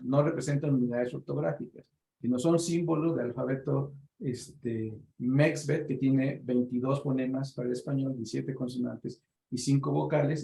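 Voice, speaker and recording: Man chairing a meeting, mellow voice, echoey room, patient explainer. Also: mid-range voice, creaky. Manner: explanatory, uses fillers like "este".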